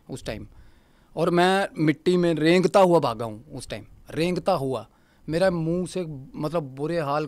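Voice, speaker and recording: A man's voice: fairly high pitch, a little mellow, no room sound. A man guest on a podcast, telling a ghost encounter vividly, repeating phrases for emphasis and mixing in English words. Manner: mixes English words into his speech. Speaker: guest paranormal researcher.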